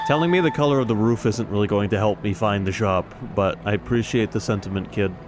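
A male streamer with a lowish voice chats casually as he plays a video game. He talks in dry, wry asides while music plays clearly behind him. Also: quick pace. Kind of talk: casual let's play commentary. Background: clear game music and sounds.

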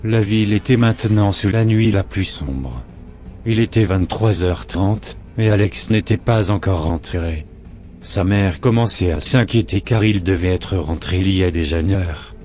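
A man reading a horror story aloud in a measured, grave narration. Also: sits low, a little mellow, soft background music.

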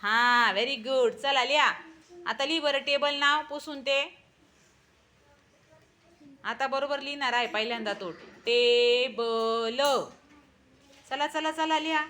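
A woman's voice: high voice, a little slow, long pauses, sharp tone. A woman teaching young children in a classroom, coaxing answers with repeated short questions. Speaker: primary school teacher.

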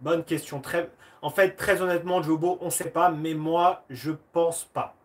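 A man's voice: fairly high pitch, steady tone, normal speed. A man teaching karate and casually answering viewers' questions on a live stream, with an enthusiastic, chatty manner, greeting viewers by name and adding sound effects.

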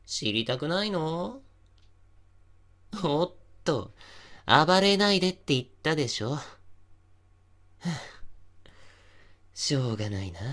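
Young male stalker played by a man, possessive and sweetly menacing, coaxing, unhurried and expressive, for intimate ASMR audio drama. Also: medium pitch. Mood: menacing, taunting. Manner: menacing, coaxing and softly teasing.

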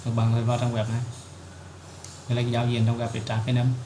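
A man, hosting a screen-recorded software tutorial and explaining it step by step with frequent filler words. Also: mid-range voice, monotone, fast talker. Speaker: tutorial host. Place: at a computer, recording his screen. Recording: echoey room with clear keyboard typing noise.

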